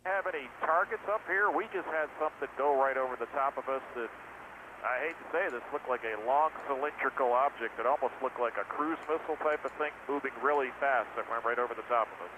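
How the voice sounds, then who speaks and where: A man, an airline pilot, calling in over a cockpit radio transmission and describing what he saw in a hesitant, measured way. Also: medium pitch. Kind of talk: radio call to air traffic control. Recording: noisy cockpit radio audio.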